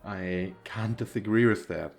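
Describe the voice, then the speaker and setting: Here a man with a lowish, gravelly, slightly mellow voice speaks a little slowly, acting as a bashful, anxious rich businessman on a speed date for an ASMR roleplay. He talks haltingly, wandering off track and making self-deprecating remarks. The flirty, intimate exchange feels sincere yet self-conscious.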